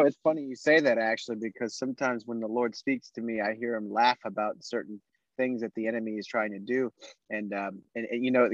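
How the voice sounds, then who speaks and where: A man hosting a casual faith podcast, excitable and quick to laugh, talking over a video call. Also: medium pitch, dry recording, dull audio. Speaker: podcast host.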